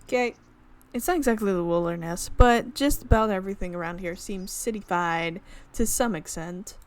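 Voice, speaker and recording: Here a let's play streamer, a young woman with a mid-range voice, narrates a visual novel at a moderate pace. She keeps breaking off for chatty, casual asides and bursts of giggling.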